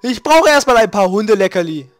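A man's voice: sits high, expressive, a little fast, soft background music. A man voicing a jumpy, suspicious male guard dog from a video game, startled and repeating himself. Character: jumpy male guard dog who only sees movement.

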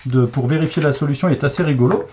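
Mellow-voiced man explaining a puzzle game. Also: fairly high pitch, quick pace, a little hiss or hum. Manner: patient, explanatory, with frequent fillers. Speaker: game designer. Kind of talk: explaining a board game casually.

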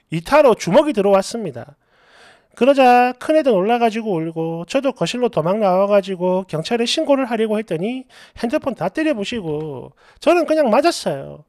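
A woman reads a reader's story aloud in the first person, acting out the quotes with feeling. Her pitch rises and falls in lively swings. The recording is close and dry. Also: normal speed, no echo. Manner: expressive, acts out quoted lines. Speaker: story narrator. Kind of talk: dramatic reading of a reader's story.

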